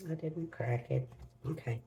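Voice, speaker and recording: A woman's voice: extremely low pitch, a little slow, creaky, dark tone, lo-fi sound. A woman hosts a casual crafting vlog, muttering to herself as she works in homespun phrasing. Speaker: crafting channel host. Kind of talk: casual unboxing and demo vlog.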